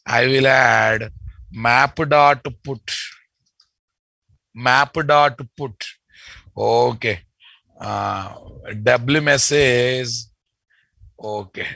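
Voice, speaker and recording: A programming instructor with a Telugu Indian accent leads a live coding lesson for his students, speaking slowly and deliberately in a mid-range voice that's sharp, forward and a bit creaky. He repeats his instructions and ends sentences with checking tag questions, and there's no room sound.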